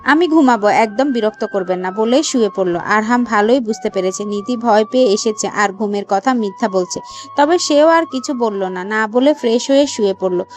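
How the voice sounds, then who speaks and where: A woman tells a romance story in the first person with an expressive, dramatic reading. Her voice sits fairly high. Soft music runs quietly beneath the narration. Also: normal speed. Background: faint background music.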